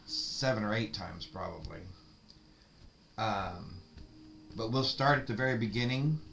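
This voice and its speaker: A man with a low voice chats casually in an easygoing, rambling way. A faint hiss of room noise sits behind him. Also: a little slow, gravelly, a bit bright. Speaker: streamer's partner. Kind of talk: casual chat.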